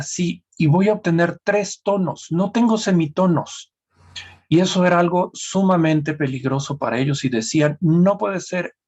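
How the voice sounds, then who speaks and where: A man's voice: on the high side, a little mellow. A man teaching an online seminar, explaining music theory carefully and checking in with his class often. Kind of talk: academic lecture on music theory. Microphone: video call. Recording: dull lo-fi video call audio.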